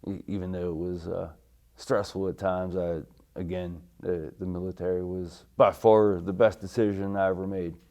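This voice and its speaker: Middle-aged American male veteran, low relaxed voice, remembering service days in halting, courteous interview answers. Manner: veteran remembering, halting recall with deferential politeness. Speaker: military veteran being interviewed. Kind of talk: oral history interview, recalling army service.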